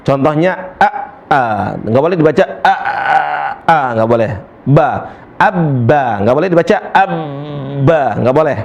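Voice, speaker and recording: A man's voice: on the high side, animated, gravelly. A man teaching Quran recitation in a tajwid lesson. He chants verses, drills letter sounds over and over, and corrects students. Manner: demonstrates letter sounds slowly and repeatedly, then corrects students; switches between explaining and chanting verses.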